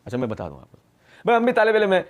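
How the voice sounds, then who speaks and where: A man giving a polemical religious lecture, speaking in an animated, emphatic and sarcastic way. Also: high-pitched. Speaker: religious scholar.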